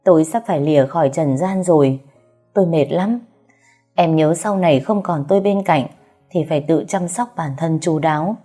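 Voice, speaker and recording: A woman voicing a tired young husband who speaks softly and slowly in a deep, warm voice. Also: soft background music. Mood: tender. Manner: soft, slow and tender.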